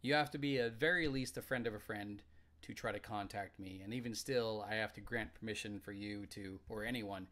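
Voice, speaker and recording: A man co-hosting a casual talk show, speaking in a relaxed, rambling, joking way. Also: fairly low pitch. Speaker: podcast co-host. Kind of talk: casual chat.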